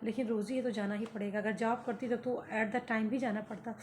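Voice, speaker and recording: A woman's voice: a little high, steady tone, fairly quick, darkish tone. A young woman vlogging casually about her day, tired and feverish, complaining as she goes about her chores. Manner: tired, complaining, talking through daily chores. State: feverish and worn out. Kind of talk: casual vlog monologue.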